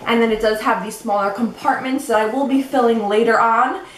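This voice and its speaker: Brisk and steady in tone, this fairly high-pitched young woman chats her way through a home show-and-tell vlog, a little out of breath as she explains each step. The room is echoey, and faint noise sits in the background.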